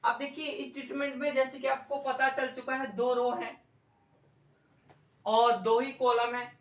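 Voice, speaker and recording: A man explains math at a board, slowly and patiently. He repeats each point and asks his students questions as he goes. He sounds some distance from the mic, in an echoey classroom. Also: very high-pitched, little pitch movement. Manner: slow, repetitive, quizzes students with questions. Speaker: economics tutor. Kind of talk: whiteboard math lesson. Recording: echoey room, mic far off.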